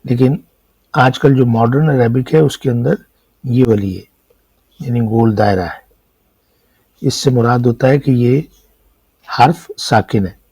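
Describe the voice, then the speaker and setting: Male language teacher, Pakistani Urdu accent, patient explainer, mellow and slightly husky voice. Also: mid-range voice, long pauses, no room sound, low-quality recording. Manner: patient, explanatory, asks and answers own questions. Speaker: Arabic teacher. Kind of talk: classroom lecture explaining script.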